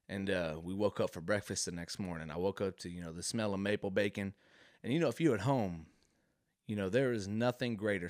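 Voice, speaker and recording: A man's voice: low-pitched, no echo, studio quality. Rambling, slangy comedic storyteller man. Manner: animated, rambling, slangy asides.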